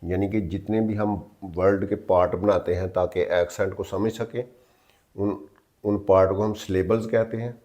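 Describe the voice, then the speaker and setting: Patient and repetitive, a man walks listeners through English grammar in Hindi-Urdu mixed with English, spelling words letter by letter and checking in frequently. He has a low, slightly mellow voice, moderate pace, and fairly even intonation.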